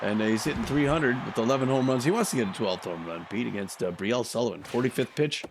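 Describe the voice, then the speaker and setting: A man's voice: medium pitch, quick pace, background noise. Chatty male play-by-play caller. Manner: chatty, cheering on his team, chuckling often. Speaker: commentator. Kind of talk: mock play-by-play of a simulated baseball game.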